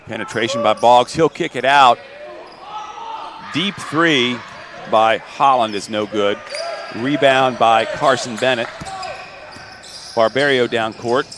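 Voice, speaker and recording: A man calling high school basketball play-by-play in brisk calls that climb in pitch and volume on big plays. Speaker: play-by-play announcer.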